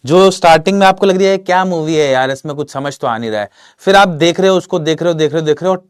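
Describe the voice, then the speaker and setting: Male online teacher, slightly high voice, throat a bit rough from a cold, chatty, dry close sound. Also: no room sound. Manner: chatty, reads out viewer names and comments. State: sore throat with cough and cold. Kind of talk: live online class, Hindi-English mix.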